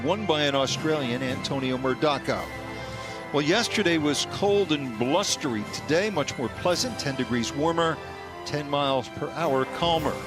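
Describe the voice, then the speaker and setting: Higher-pitched male golf commentator over music. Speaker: golf commentator, broadcast host.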